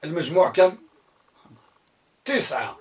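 A man teaching a grammar lesson in a classroom. He quizzes his students and repeats words slowly. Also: on the high side, big pitch swings.

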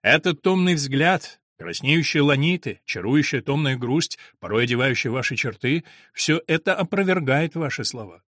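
Reader putting on a brooding monk, low hushed intense voice, dry sound. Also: male voice, animated, normal speed, few pauses, no room sound. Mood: hushed, probing. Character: passionate middle-aged man, a brooding monk. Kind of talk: audiobook reading.

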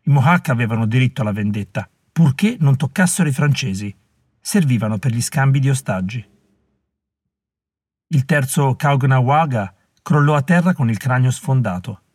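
A man reading a novel aloud as an audiobook narrator, in a measured, dramatic delivery. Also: mid-range voice, darkish tone, husky, no echo, studio quality. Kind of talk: scripted narration.

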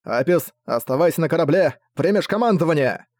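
A man's voice: a little high, animated, fairly quick, a little mellow, dry recording, clean studio sound, natural voice. A man voicing a determined young prince who speaks in an earnest, resolute way. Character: determined young prince fighting his brother.

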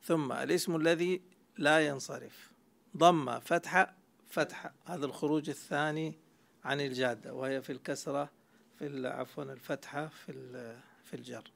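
A man's voice: a little high, fairly even intonation, normal speed, creaky, fairly bright tone. A man teaching Arabic grammar in a classroom lecture, explaining step by step and quizzing his students.

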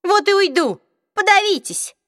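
A woman's voice: high voice, big pitch swings, fast talker, bright, forceful tone, no echo, clean studio sound, pitched above the performer's own voice, exaggerated voice. A woman voicing a flustered, hot-tempered young woman who speaks up defensively. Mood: flustered, indignant.

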